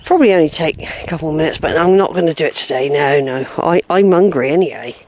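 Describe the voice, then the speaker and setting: A woman speaks fast in a low, darkish voice against slight background noise. She's a walking vlogger on a grassy hillside, out of breath and wheezy, offering casual, rambling commentary to a handheld camera as an unseen narrator who often talks to herself.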